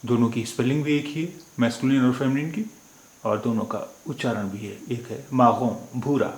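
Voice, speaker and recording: A man teaching a language lesson, saying each word slowly and repeating it before giving its meaning. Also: medium pitch, a little mellow, roomy sound. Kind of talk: slow, repetitive language lesson.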